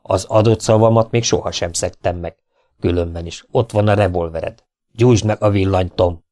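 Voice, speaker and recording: A man reading the lines of a calm, unshakable lawman in an audiobook, firm and deliberate. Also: deep voice, natural voice. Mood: stern.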